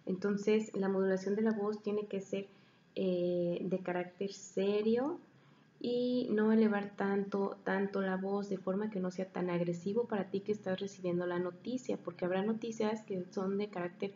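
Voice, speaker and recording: A woman's voice: mid-range voice, steady tone, moderate pace, mellow. A woman teacher, lecturing a class and often checking that students follow. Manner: explanatory, frequent checking questions. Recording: dull, roomy, faint hiss.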